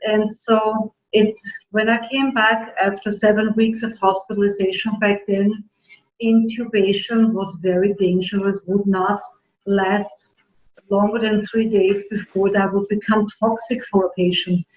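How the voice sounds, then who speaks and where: A middle-aged woman from Germany, raised in Austria, telling her story in an interview, earnest and halting with many fillers. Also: medium pitch, level tone. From born in Germany, grew up in Austria. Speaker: naturopathic doctor, guest. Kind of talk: casual interview talk. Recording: dull roomy audio.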